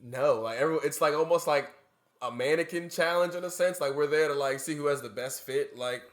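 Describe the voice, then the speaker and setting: A man's voice: a little high, fairly quick. A man hosting a podcast in casual, slangy conversation. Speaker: podcast host. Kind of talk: casual chat.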